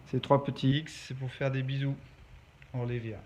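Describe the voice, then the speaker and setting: A man's voice: medium pitch, level tone, moderate pace, darkish tone. A man who teaches English, explaining a lesson step by step and stopping to check that his pupils follow. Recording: dull lo-fi recording, faint background noise.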